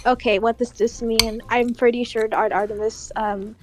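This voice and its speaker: A woman on a voice call, chatting casually and filling her talk with likes and ums. Her voice sits fairly high. She sounds friendly and relaxed, like a stream co-host. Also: normal speed, noisy background. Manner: chatty, with frequent fillers. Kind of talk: casual chat.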